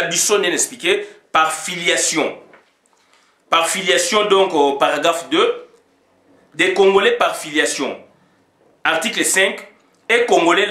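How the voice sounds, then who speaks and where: In a high-pitched, pushed and bright voice, a commentator delivers an informal political monologue in an echoey room. He moves between two languages, uses lots of fillers, and at times reads legal text out loud.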